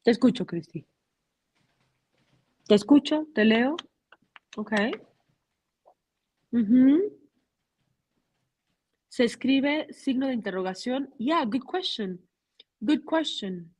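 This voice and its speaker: A woman's voice: a little high, animated, slow pace, long pauses, a little mellow, rough recording. A woman teaching English to adult learners in a video-call class, mixing English and Spanish and checking in with "okay?".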